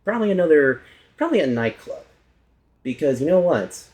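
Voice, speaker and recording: A man hosting and narrating a casual documentary about a musician, chatty and quick to correct himself aloud. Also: on the high side, very animated, darkish tone. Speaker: host.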